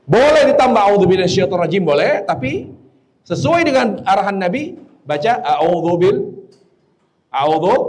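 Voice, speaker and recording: A man preaching a lively sermon, joking and quizzing his audience. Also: high voice. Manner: joking, teasing the audience with questions. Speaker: Islamic preacher.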